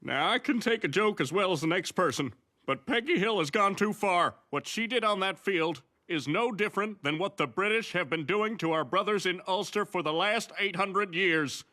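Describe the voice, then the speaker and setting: A man voicing a pompous, aggrieved Irish-American man in an animated comedy. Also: sits high, moderate pace.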